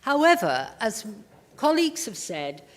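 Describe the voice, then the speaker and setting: Measured woman giving a parliamentary speech. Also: a little high, big pitch swings. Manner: measured, hesitant with many fillers. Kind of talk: formal speech in a parliamentary assembly.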